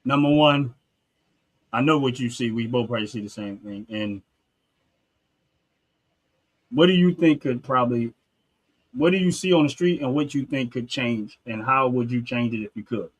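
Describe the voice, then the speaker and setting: A man's voice: medium pitch, normal speed, long pauses. Earnest man hosting a talk show. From Philadelphia, USA. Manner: earnest, emphatic, preachy. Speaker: podcast host. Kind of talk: casual talk show discussion.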